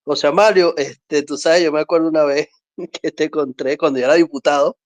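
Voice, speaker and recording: A man calling in, talking in a warm, rambling way and laughing often. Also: on the high side, fairly even intonation, brisk, no room sound. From Venezuela. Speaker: caller. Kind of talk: casual chat.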